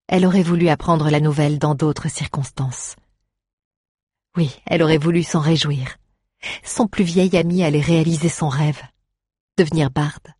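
Husky storybook narrator, measured delivery, dry close mic. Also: medium pitch, darkish tone, no room sound. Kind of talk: scripted audiobook narration.

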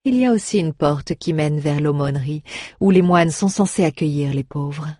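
A woman narrating a fantasy novel in a calm audiobook reading, close to the mic. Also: deep voice, normal speed, no echo.

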